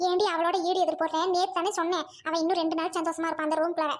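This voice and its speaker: A woman voicing a sharp-tongued, grumbling middle-aged mother-in-law in a comic family skit. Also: very high voice, flat delivery, racing, very noisy, voice pushed down. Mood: scolding. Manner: scolding, grumbling. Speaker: skit performer.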